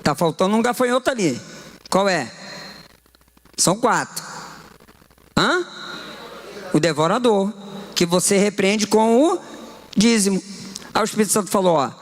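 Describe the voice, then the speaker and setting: A man's voice: high-pitched, a little slow, pauses often. A man in his fifties with a Brazilian Portuguese accent, preaching a playful testimony to a church congregation. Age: 50s. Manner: animated and playful, addressing the congregation. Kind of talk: lively joking sermon testimony.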